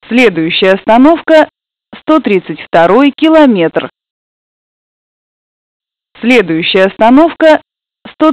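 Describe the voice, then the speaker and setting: A woman making formal, measured stop announcements over a commuter train's public-address system. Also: medium pitch, darkish tone, no room sound. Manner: measured, formal, evenly spaced phrasing. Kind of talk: recorded station announcements. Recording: dull lo-fi, dry.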